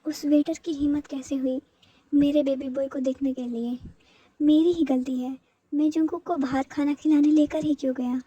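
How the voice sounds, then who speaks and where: A woman's voice: high-pitched, fairly even intonation, normal speed, dark tone, dry recording, dull audio, close to an everyday voice. A woman doing an obsessive, possessive male teacher. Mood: jealous. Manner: possessive, brooding.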